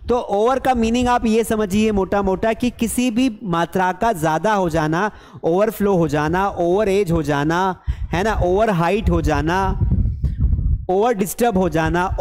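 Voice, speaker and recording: A young man teaching an online English lesson in a classroom with a blackboard, mixing Hindi and English and joking with viewers over a headset mic. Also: high-pitched. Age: young adult. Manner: animated, mixes Hindi and English, jokes with viewers. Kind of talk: live online lesson, chatty.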